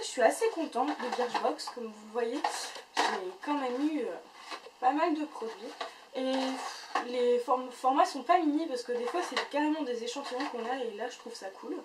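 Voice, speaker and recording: A woman's voice: high voice, normal speed, roomy sound. A woman chatting casually as she unboxes and reviews beauty boxes, full of fillers and restarts. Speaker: beauty vlogger. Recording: voice a bit far from the mic, faint noise.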